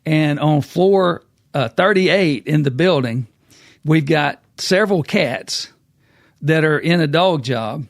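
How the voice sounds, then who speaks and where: A man's voice: on the high side, animated, takes it slowly, no echo, studio quality. A middle-aged man, hosting a casual business talk and acting out quotes as a folksy storyteller. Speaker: podcast host.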